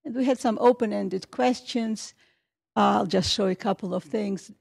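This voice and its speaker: A woman's voice: mid-range voice, unhurried, gravelly, darkish tone, breathy edge. A middle-aged woman giving a plenary lecture at an academic conference, talking conversationally with restarts and fillers. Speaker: conference speaker. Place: conference hall.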